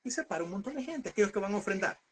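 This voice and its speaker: A man's voice: sits high, expressive, racing, a little hiss or hum. A man teaching a Bible seminary class, earnest and calling his listeners brother as he tells a personal testimony.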